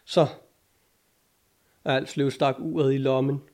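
Man narrating an audiobook, dark tone. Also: medium pitch, little pitch movement.

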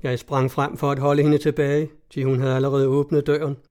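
A man narrating a classic story in a measured storytelling manner. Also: mid-range voice, little pitch movement, darkish tone. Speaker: audiobook narrator. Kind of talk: scripted narration of a classic tale.

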